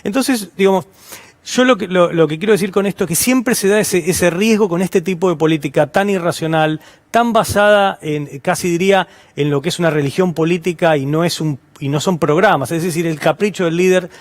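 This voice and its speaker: Halting Argentine man, professor guest. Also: high-pitched. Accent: Rioplatense Spanish. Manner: halting, many restarts and fillers. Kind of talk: interview answers.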